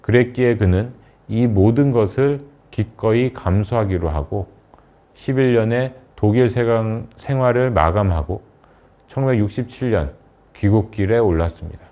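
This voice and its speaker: A man giving a scripted university lecture in a measured, formal narrating manner. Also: fairly low pitch, mellow. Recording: thin phone-like sound.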